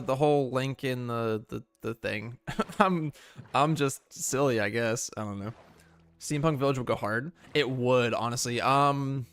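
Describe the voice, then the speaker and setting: This male livestreamer plays a game and chats casually with his audience, wandering off on tangents and fixing his own words midstream. His voice is medium in pitch and a little bright.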